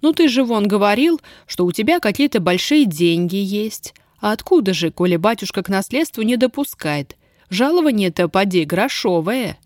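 A woman's voice: mid-range voice, animated, normal speed, no echo, clean studio sound, natural voice. A woman voicing Katya, a proud poor young Roma woman. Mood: wry. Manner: scolding, then softly coaxing. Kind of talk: audiobook character voice.

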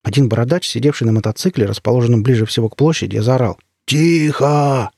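A man narrating a story in a measured, steady way. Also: mid-range voice, creaky, husky, dry recording, clean studio sound.

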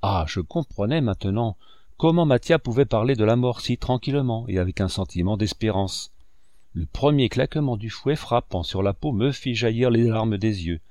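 A male audiobook narrator reads with measured, expressive storytelling. His voice sits on the low side, and the recording is dry and close to the mic. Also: dry recording. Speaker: audiobook reader. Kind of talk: scripted narration.

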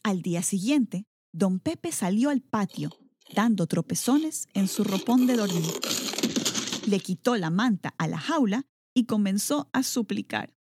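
Animated woman reading a storybook. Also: medium pitch, measured pace, husky, no room sound. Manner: expressive, animated reading aloud. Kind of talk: storybook narration.

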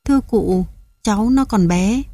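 A man's voice: high-pitched, unhurried, warm tone, dry recording, studio quality, pitched above the performer's own voice. A woman reading the part of a poor father in debt, pleading and deferential.

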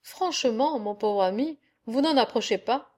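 A woman doing a sly flattering fox. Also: a little high, normal speed. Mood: dismissive. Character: sly smooth-talking male fox. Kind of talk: audiobook tale reading.

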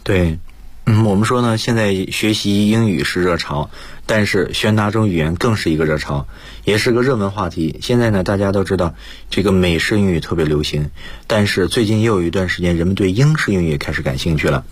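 A man's voice: low-pitched, a little fast, slightly rough, no echo. A male lecturer explaining English vocabulary and grammar on a radio lesson, mixing English terms into his Mandarin explanations. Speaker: guest lecturer, school principal.

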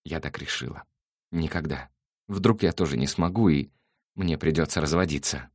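A man's voice: normal speed, no room sound, clean studio sound. A man voicing an impulsive, easily hurt young woman in an audiobook, lifting his voice into a pleading, emotional tone. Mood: stubborn. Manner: raised pitch, pleading and emotional.

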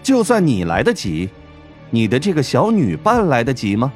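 A man's voice: medium pitch, huge pitch swings, moderate pace, soft background music. A man voicing a scheming young woman who speaks in a mocking, cold, taunting way.

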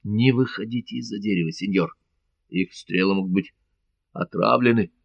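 A man's voice: lowish voice, normal speed, gravelly, no room sound, dull audio. A man reading a cautious, respectful sailor in an audiobook, voicing careful warnings. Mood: wary. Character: wary male sailor from Catalonia, cautious, respectful.

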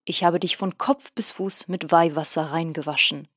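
A calm priest with a low, unhurried voice, gently teasing and a little ironic, read by a woman in an audiobook. The recording is dry and close. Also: slightly rough, dry recording. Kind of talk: audiobook character voice.

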